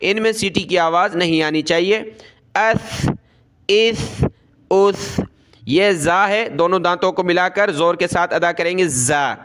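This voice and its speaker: A man teaching Quranic letter pronunciation, drilling syllables slowly and explaining quickly between them in a patient, corrective way. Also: high voice, fairly even intonation, a bit bright, clean tone. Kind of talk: recorded recitation lesson.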